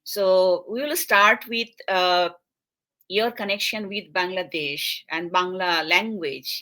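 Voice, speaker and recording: A woman's voice: mid-range voice, sharp tone. A woman hosting an online panel discussion, speaking hesitantly with many fillers. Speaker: host.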